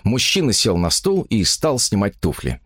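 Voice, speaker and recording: A man reading a literary novel aloud as an audiobook narrator, expressive and animated, on a close studio mic. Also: on the low side, moderate pace, husky, dry recording.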